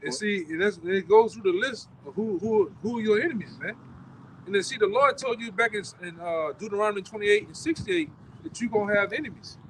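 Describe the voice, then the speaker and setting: A man, street preaching outdoors in a forceful, repetitive, profane way that keeps ending phrases with "man". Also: sits high, expressive, brisk, a little hiss or hum, low-quality recording. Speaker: street preacher leading the camp.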